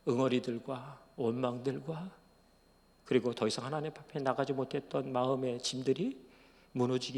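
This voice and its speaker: Male pastor, sermon testimony, hushed then loud and emotional, long church reverb. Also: mid-range voice. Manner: swings from hushed quiet to loud emotional outbursts. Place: church sanctuary.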